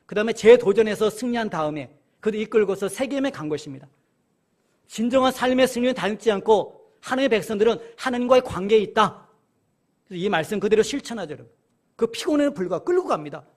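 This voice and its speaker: A man teaching a Bible study sermon. He keeps asking his listeners questions and answering them, and he reads scripture passages slowly and more loudly. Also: high-pitched, lively intonation. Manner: addresses listeners often, asks and answers questions.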